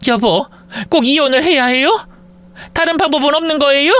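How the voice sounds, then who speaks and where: A man's voice: very high-pitched, fairly quick, fairly bright tone, voice pushed up. A man voicing a young wife who meekly begs her husband. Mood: pleading. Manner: meek, pleading.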